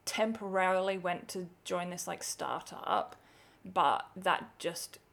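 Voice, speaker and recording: Speaking slowly in a fairly low, gravelly and slightly bright voice, this podcast co-host from England, with an accent half English and half Australian, chats casually. She laughs a lot and uses many likes and ums.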